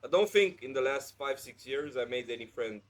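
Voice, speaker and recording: A man's voice: medium pitch, animated, normal speed. A man in his thirties hosting a casual podcast chat, blunt and preachy, peppering his talk with "like". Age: 30s. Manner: heavy use of "like", blunt and preachy. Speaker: podcast host.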